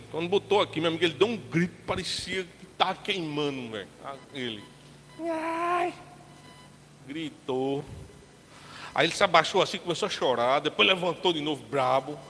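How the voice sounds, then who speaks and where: Speaking on the high side with a fairly bright tone, a pastor from Brazil delivers a colloquial, story-driven sermon and voices the characters in it. Long church reverb and a faint hiss fill the sanctuary recording.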